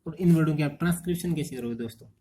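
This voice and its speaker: A man's voice: a little high, racing, dark tone. An Indian man teaching an English transcription lesson, quizzing students with repeated rhetorical questions. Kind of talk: exam-prep lecture.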